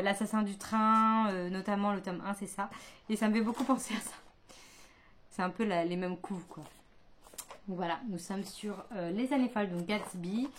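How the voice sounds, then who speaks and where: A woman's voice: mid-range voice, a little hiss or hum. A woman chatting casually in a book vlog, hesitant and thinking aloud, full of fillers and restarts. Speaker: book vlogger. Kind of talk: casual chat.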